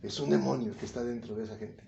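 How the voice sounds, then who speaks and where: A man's voice: medium pitch, fairly even intonation, quick pace, gravelly, dark tone, a little hiss or hum. A man with a Mexican accent preaching informally from the Bible, chatty and joking, asking his listeners questions. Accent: Mexican Spanish. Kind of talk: informal Bible teaching to a congregation. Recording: echoey room, slightly dull sound.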